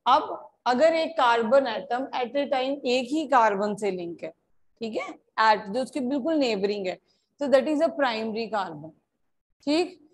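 Slow, high-voiced woman teaching chemistry. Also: lively intonation. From India. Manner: mixes Hindi and English, checks understanding often; addresses students as beta. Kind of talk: classroom lecture.

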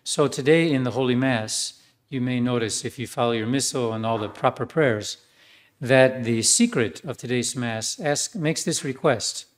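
A man's voice: medium pitch, normal speed. A man preaching a sermon as a priest, earnest, with some fillers and restarts.

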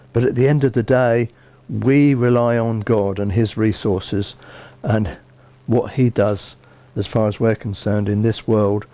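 This lowish, dark-toned voice belongs to a British-accented man in his fifties, a bishop giving a sermon. He preaches earnestly yet conversationally from a small indoor room beside a window.

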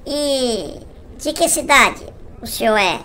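A man's voice: extremely high pitch, animated, slow pace, pushed and bright, a little hiss or hum, pitched above the performer's own voice, full character voice. A man voicing a self-pitying ugly young man who whines tearfully. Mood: surprised. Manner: whiny, tearful pleading.

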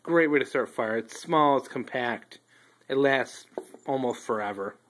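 A man casually reviewing outdoor fire starters, talking in a relaxed, rambling way with many ums and restarts, recorded on a phone he holds while filming a tabletop indoors. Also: mid-range voice, measured pace, slight background noise. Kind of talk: casual show-and-tell review. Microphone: handheld phone filming table close up.

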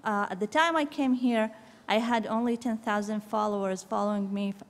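A woman's voice: mid-range voice, fairly even intonation. Young woman w/ talking at a council podium mic, lots of ums, big echoey chamber. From Iraq. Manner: measured, with frequent ums and uhs. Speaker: public commenter. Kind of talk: prepared public statement. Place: large city council chamber. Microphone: fixed podium microphone. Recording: long hall reverb.

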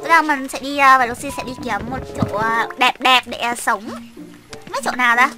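A woman hosting a gaming channel, chatting casually while she plays and squealing excitedly at surprises. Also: high-pitched, a little fast. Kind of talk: casual gameplay chat. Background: game music.

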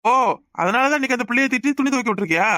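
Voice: mid-range voice, animated, very fast, bright, forceful tone, no echo, clean studio sound. A performer voicing a bossy but caring middle-aged village uncle in a cartoon, with a Kanyakumari Tamil accent. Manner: bossy but affectionate, scolding. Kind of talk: cartoon voice acting.

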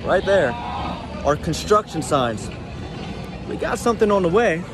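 A man's voice: high-pitched, very animated, measured pace. A man in his twenties chatting casually as a vlogger, filming himself outdoors at a theme park. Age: 20s. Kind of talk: casual vlog chat. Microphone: phone or camera at arm's length. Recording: loud music and crowd noise.

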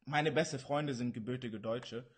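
A man in his twenties from Pakistan, answering interview questions over a video call in an earnest, halting way. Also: medium pitch, breathy edge. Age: 20s. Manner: earnest, halting, frequent fillers. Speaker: interview guest, kickboxer. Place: indoor room, video call.

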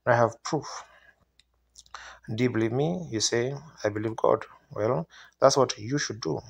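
A male evangelist preaching a revival sermon to a congregation in an earnest, questioning manner, with a raspy, gravelly voice. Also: medium pitch, unhurried, muffled recording. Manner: earnest, asks listeners rhetorical questions.

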